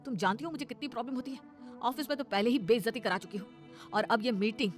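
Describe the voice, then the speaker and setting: A woman's voice: a little high, fast talker, soft background music, close to an everyday voice. A woman voicing a young office-going husband who pleads with his wife and then scolds her, in a cartoon story. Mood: scolding. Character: young husband, office worker, short-tempered. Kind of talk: cartoon voice acting.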